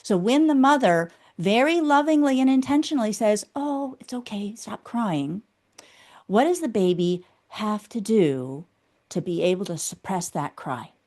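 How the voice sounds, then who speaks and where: A woman's voice: mid-range voice, expressive, moderate pace, darkish tone. A woman guest in an interview, explaining her theory in a teacherly way and checking in often with the listener. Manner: teacherly, checks in with a frequent "okay?". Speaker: guest, inner critic specialist.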